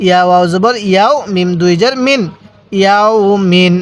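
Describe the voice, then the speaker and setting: A man's voice: high voice, quick pace. A man teaching Quran reading from Bangladesh. He spells out letters and vowel marks, stretches the long syllables, and has the listener repeat after him. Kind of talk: step-by-step recitation lesson.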